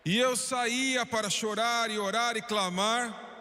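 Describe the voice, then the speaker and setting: A man with a Brazilian Portuguese accent giving a dubbed sermon, telling a story fervently and swinging from hushed lines to emphatic ones. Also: very high-pitched, steady tone, unhurried. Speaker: preacher voice-over in Portuguese. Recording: long hall reverb.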